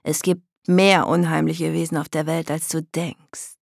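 Daka, a calm half-vampire girl, as the reader puts her on. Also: medium pitch, a little fast, gravelly, no room sound, studio quality. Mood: calm retort. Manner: hushed, whispering at times, calm. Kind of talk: audiobook character reading.

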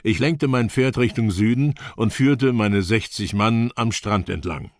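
A man reading a first-person audiobook in a measured, grave storytelling manner, close on the microphone. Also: fairly low pitch, no room sound. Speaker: audiobook narrator. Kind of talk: scripted first-person narration.

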